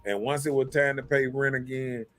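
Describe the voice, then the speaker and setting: A man chatting casually as a co-host, telling stories with a lot of swearing and speech, getting loud when worked up. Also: medium pitch, moderate pace, faint music behind. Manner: animated, profane storytelling, swings loud when worked up. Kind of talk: casual chat.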